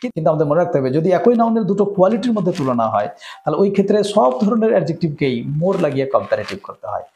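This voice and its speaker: A Bengali-accented man teaches English grammar in a slightly high, warm voice with big pitch swings, captured on lo-fi audio. He walks through each rule, checks with "right?" a lot and reads sample sentences slowly.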